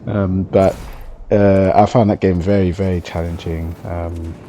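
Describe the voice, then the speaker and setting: A man's voice: low-pitched, level tone, a little slow, dark tone, a little hiss or hum. A man giving casual gameplay commentary in an explanatory, conversational way. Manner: explanatory and conversational, often tagging on "you know". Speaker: gaming video commentator. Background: music under the voice.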